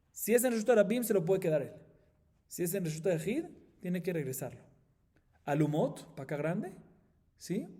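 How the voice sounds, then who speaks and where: A man's voice: sits high, dark tone. A middle-aged man, a rabbi from Colombia, teaching a Talmud class step by step and checking in with his listeners often. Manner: explains step by step, asks "¿sí?" often, chants Aramaic quickly.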